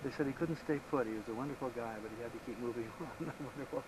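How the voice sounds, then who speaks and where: Chatty man on a hissy old VHS tape. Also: mid-range voice. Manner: easygoing, chatty, quick talker. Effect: old VHS home video tape sound. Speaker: local guide showing a visitor around. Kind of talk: casual rambling storytelling. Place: outdoors on a rural property. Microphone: camcorder microphone.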